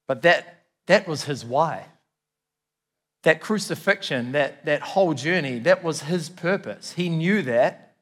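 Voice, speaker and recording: A man's voice: on the high side, expressive, measured pace, a bit bright. A man with a New Zealand accent preaching a sermon as a pastor, in an earnest, emphatic way with repeated phrases. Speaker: church pastor. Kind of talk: sermon to a congregation. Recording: long hall reverb.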